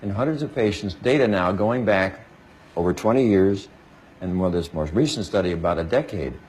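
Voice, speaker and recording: A man's voice: sits low, normal speed, darkish tone, slightly rough. A male doctor answering interview questions emphatically, listing items one after another.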